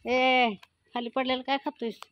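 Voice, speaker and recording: A woman's voice: fairly high pitch, unhurried, dull audio, crowd noise. A woman walking through a village lane while filming a casual vlog, calling out to animals and chatting with neighbours. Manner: calls out loudly to cats and hens, chats with neighbours. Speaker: village vlogger.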